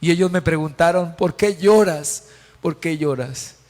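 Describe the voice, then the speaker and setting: A man's voice: on the high side, a little slow, darkish tone, lightly acted. A man acting out a grieving woman who tells, in first person, how she found the tomb empty, her retelling tearful and rising to pleading cries. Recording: long church hall reverb.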